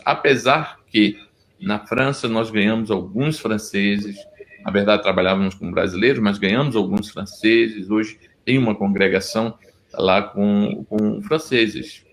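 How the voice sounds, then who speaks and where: Middle-aged Pernambuco-accented Brazilian pastor, gravelly low voice, earnest interview testimony. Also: male voice, measured pace, slight background noise, poor audio. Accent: Pernambuco Brazilian Portuguese. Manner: earnest storytelling, frequent restarts.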